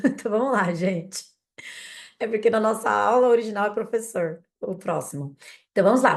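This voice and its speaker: A native Portuguese-speaking woman teaching English vocabulary, drilling each word slowly for learners to repeat and checking in with them often. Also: mid-range voice. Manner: slow, patient drilling of words for learners to repeat; casual and encouraging, with frequent check-ins.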